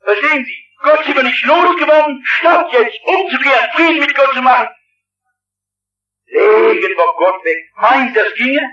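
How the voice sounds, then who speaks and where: A man's voice: very high voice, normal speed, sharp tone, highs cut off, slight background noise. A man preaching a sermon as a pastor, impassioned and often crying out, in an old distant hall recording. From partly Swabian. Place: large hall with audience.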